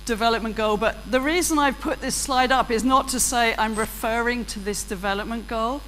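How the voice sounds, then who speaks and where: A British woman with a slightly high, fairly bright voice delivers a chatty, self-deprecating keynote on a big auditorium stage, holding a handheld mic before an audience. She talks at a normal pace. The recording carries long hall reverb and a faint hum.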